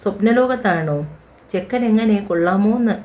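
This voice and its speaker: A woman's voice: mid-range voice, normal speed, a little mellow, close to an everyday voice. A woman voicing a playful elder sister-in-law teasing a shy young bride.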